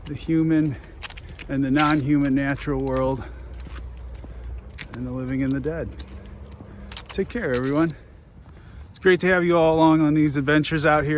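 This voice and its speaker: A man's voice: on the high side, fairly even intonation, moderate pace, long pauses. A man walking an outdoor trail and talking casually for his vlog, out of breath, thoughtful and rambling. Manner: musing, soft-spoken to wildlife. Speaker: vlogger. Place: outdoors on a trail, urban edge. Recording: faint outdoor noise, traffic.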